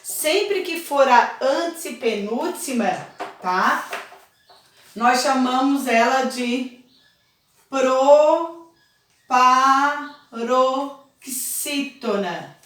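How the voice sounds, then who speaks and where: A woman teacher, patiently explaining a lesson step by step and checking that her students follow. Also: sits high. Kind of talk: recorded online class lesson. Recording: very echoey room, voice from far off.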